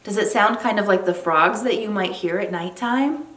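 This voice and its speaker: A woman's voice: mid-range voice, moderate pace. A woman leading an interactive lesson for young children in an encouraging, sing-song kindergarten teacher voice. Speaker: children's library program presenter. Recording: roomy echo, faint background noise.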